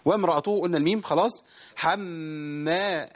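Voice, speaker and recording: Quick-talking Egyptian tajweed teacher. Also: male voice, a little high. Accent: Egyptian Arabic. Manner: explains rapidly, quizzes viewers, then recites words slowly and drawn out. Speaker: Quran recitation teacher. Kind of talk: TV studio lesson on tajweed. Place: TV studio.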